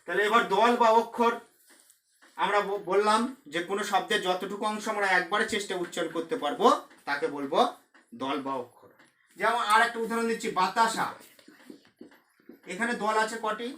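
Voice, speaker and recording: A man teaching a recorded lesson, explaining slowly and repeating key terms. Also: high-pitched, bright, forceful tone, reverberant.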